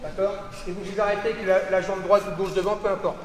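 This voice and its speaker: A man teaching an aikido class in a gymnasium, calling out drill commands, often shouting. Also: sits high, little pitch movement, fast. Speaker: aikido instructor. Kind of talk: teaching a group class on the mat. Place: large gymnasium. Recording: echoey gym from far off, with noise.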